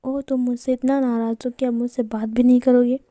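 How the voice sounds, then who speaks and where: A woman voicing a calm young man who teases and coaxes softly, in a read-aloud story. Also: fairly high pitch, brisk, no echo, studio quality, lightly acted. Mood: teasing. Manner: teasing, coaxing, soft. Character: teasing calm young man, gentle lover.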